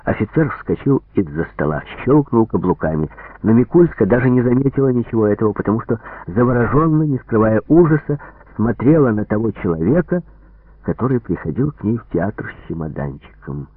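Male storyteller: low, lively expressive reading, husky, tinny radio audio. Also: a little fast, dry recording. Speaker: narrator. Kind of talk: audiobook reading with character voices.

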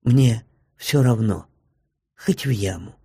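A frantic, tearful doctor out of a classic story bursts into shouts, his voice rising high and shaking, as a male reader plays him. The tone stays husky with a gravelly edge. It sounds close and dry, with no room around it. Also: slow, no room sound, heavily acted. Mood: weary despairing. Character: agitated middle-aged male doctor, shouting then despairing.

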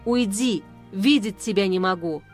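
A woman's voice: mid-range voice, unhurried, close to an everyday voice. A woman reading the lines of a jealous young husband who answers curtly and accuses, over faint music. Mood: bitter. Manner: curt and accusing.

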